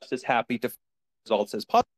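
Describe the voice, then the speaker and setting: A man's voice: medium pitch, sing-song, very fast. Man on a choppy, cutting-out call line. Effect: choppy voice cutting in and out over a call connection. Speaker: podcast guest. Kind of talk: remote podcast interview. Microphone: video call.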